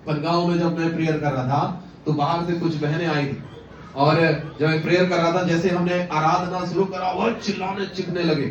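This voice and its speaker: A man's voice: fairly high pitch, fairly even intonation, moderate pace, a little hiss or hum. A male pastor preaching a fervent sermon, calling out hallelujahs and questioning his congregation. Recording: echoey, distant mic, dull sound.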